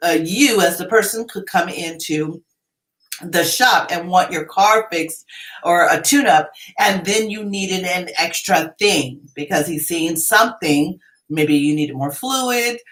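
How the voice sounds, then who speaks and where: A woman's voice: lowish voice, a little slow, fairly bright tone, rough recording. A woman in her fifties giving a live tarot reading, explaining the cards in a chatty, rambling way with everyday examples and frequent restarts. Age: 50s. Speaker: tarot reader.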